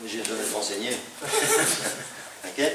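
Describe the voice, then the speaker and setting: A man's voice: mid-range voice, expressive, normal speed, fairly bright tone. A man teaching a self-defense class, explaining holds step by step while demonstrating on a partner. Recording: echoey hall, distant mic, noisy.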